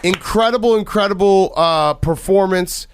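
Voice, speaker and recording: A man in his thirties co-hosting a casual sports podcast, rambling and self-deprecating. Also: noisy background. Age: 30s. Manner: rambling, self-deprecating, quick jumps in pitch. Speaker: podcast co-host.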